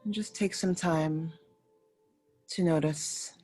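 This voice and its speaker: A woman with a low, husky, dark voice guides a yoga nidra meditation over faint background music. Keeping her intonation fairly even, she delivers soothing directions in short, unhurried phrases, letting pauses fall between them.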